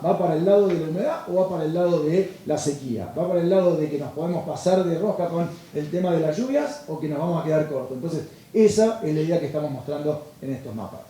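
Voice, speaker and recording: A man's voice: a little high, animated, brisk, mellow. A man, a meteorologist giving a lecture, explaining patiently and checking in with listeners. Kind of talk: lecture to farmers. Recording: echoey hall, distant mic.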